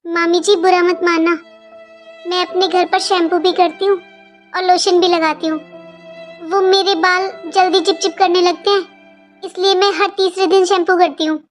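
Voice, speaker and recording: An outspoken, earnest little girl, voiced by a woman in a cartoon, her voice pitched very high and childlike. She pleads and talks on at length, with soft music faint behind her. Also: level tone, moderate pace. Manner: pleading and talkative. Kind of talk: cartoon voice acting.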